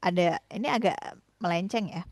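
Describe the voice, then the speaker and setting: A woman's voice: lowish voice, a little mellow, no room sound. A young woman casually explaining a university lesson, chatty, with lots of tag fillers. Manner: chatty, frequent tag fillers, slowly acts out example phrases. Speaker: university student presenter.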